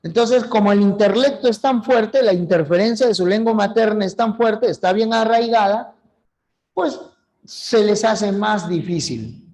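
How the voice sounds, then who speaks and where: A man's voice: high-pitched, a little slow, a little mellow. A middle-aged man, teaching a language class in a chatty way, asking questions and answering them himself. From Peru. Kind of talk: online class lecture.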